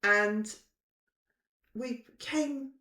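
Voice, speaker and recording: A woman's voice: on the high side, drawn-out words, pushed and bright. A middle-aged woman, a podcast guest telling stories in a chatty, self-mocking way, recorded in a roomy space. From southern England. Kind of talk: casual storytelling chat. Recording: roomy echo.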